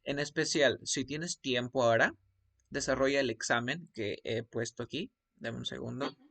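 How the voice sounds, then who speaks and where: A man's voice: medium pitch, moderate pace, vocal fry, pushed and bright. A man whose first language is Spanish, teaching an online English test-prep class over screen share, explaining step by step and often checking in with the student.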